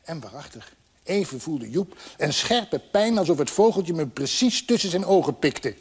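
Husky man reading a story aloud. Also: on the high side, moderate pace. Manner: lively, expressive.

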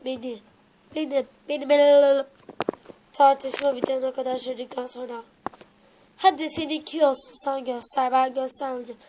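A woman's voice: sits high, steady tone, moderate pace, warm tone, slight background noise. A woman voicing all the figures in a playful toy play story, with bickering back-and-forth lines. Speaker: toy video creator.

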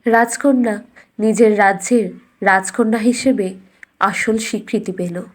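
A woman's mid-range, steady voice carries a scripted cartoon fairy tale, told in a careful, deliberate storybook manner.

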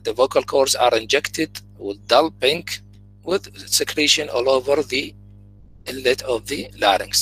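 A man with an Iraqi Arabic accent giving a medical lecture, mixing Arabic speech with slowly spoken English medical terms. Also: mid-range voice, vocal fry, pushed and bright, rough recording. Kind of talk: university lecture.

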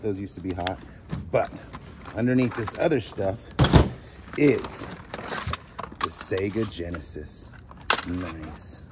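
With a lowish voice, the man in his forties who runs a storage auction vlog talks casually and with slang as he sorts through what he found. The setting is an outdoor storage unit lot, partly in a vehicle, and the audio is noisy with vehicles audible.

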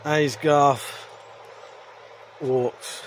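A man's voice: a little high, fairly even intonation, extremely slow, slight background noise. Chatty man vlogging outdoors on a phone. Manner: jokey, self-mocking, chatty. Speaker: YouTube vlogger. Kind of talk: casual travel vlog. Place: outdoors by a river and woods. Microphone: phone held at arm's length.

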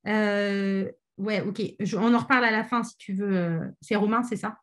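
A woman's voice: mid-range voice, steady tone, moderate pace. A woman presenting an online training session, talking with many fillers and restarts. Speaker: webinar speaker on ad testing.

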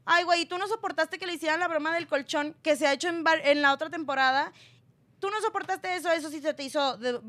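A woman's voice: extremely high pitch, fast talker, a bit bright. A woman with a Mexican accent hosting a celebrity gossip channel, talking in a sassy, slangy and sarcastic way into a phone.

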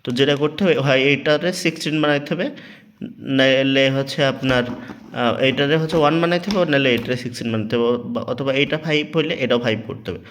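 This Bangladeshi-accented man leads a relaxed, practical product demo, moving through it step by step, going over things again and frequently making sure the audience keeps up. He talks quickly in a medium-pitched, fairly bright voice. Small clicks and noticeable background noise are present.

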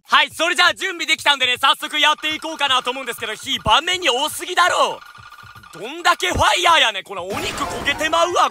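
A man giving energetic, jokey let's-play commentary with loud outbursts. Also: very high voice. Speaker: gaming YouTuber.

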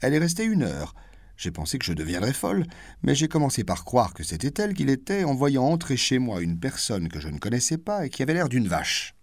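A man's voice: medium pitch, very animated, no echo, pitched above the performer's own voice. A man reading an audiobook, voicing a witty, mocking aristocratic duchess in a raised, theatrical voice. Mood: indignant. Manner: mocking, theatrical, rapid-fire wit. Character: witty, cutting aristocratic duchess, middle-aged woman.

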